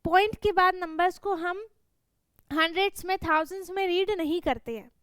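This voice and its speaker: Lady teacher going over maths homework, real high voice, keeps checking the kids are following, dry close sound. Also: normal speed, fairly bright tone, dry recording. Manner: patient, repeats "thik hai?" and "hai na?" to check understanding. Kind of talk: explaining a worksheet to children.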